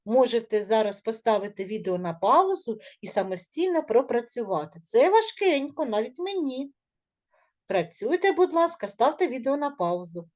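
A middle-aged primary school teacher with a fairly high, darkish, sing-song voice teaches young children in a video lesson at a moderate pace. She encourages them and drills syllables in a sing-song manner.

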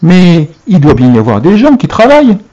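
Man voicing an eager young boy, high raised voice, stammering questions, dull muffled recording. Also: huge pitch swings, normal speed, dark tone, full character voice. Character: curious excited young boy.

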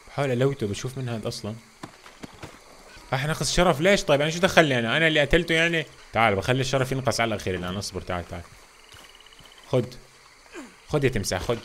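A young man commentating his gameplay for viewers, reacting loudly and excitedly to what happens on screen. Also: medium pitch, very fast, long pauses, slight background noise. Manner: reacts loudly to game events, addresses viewers as "guys". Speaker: gaming channel host. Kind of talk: excitable let's-play commentary.

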